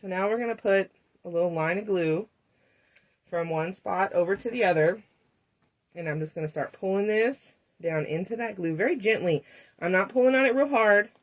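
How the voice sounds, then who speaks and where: A woman's voice: medium pitch, normal speed, dull audio. A woman hosting a live craft demonstration, chatting to viewers and laughing often as she works. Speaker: craft tutorial host.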